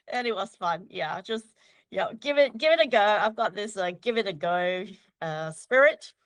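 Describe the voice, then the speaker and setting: A woman's voice: on the high side, no echo. A woman from Malaysia, a guest on a casual livestream interview, talking chattily and laughing often. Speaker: guest local guide.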